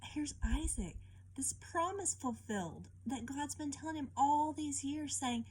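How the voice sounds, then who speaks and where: In a high-pitched voice and at a measured pace, a woman reads a picture book to children, with rough recording quality. She's expressive and informal, regularly turning to ask the listener questions.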